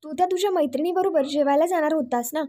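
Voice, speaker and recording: A woman narrator reading a jealous young woman who keeps pushing questions over the phone. The voice is high-pitched. It is read as quoted dialogue in an episode recap. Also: fast talker, mellow, natural voice. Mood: prying. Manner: insistent, prying.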